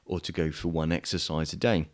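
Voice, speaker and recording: A man's voice: extremely low pitch, fairly even intonation, brisk. An English man hosting a politics podcast over an internet call, talking casually and hesitantly with lots of ums and restarts. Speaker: podcast host. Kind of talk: casual chat. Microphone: video call.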